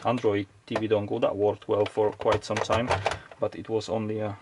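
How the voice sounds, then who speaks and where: An electronics hobbyist who makes videos, probably in middle age, talks his way hesitantly through an unscripted teardown at home, rambling as he works at the bench. His voice is on the low side, level in tone, at a normal speed. Faint clicks and background noise are present.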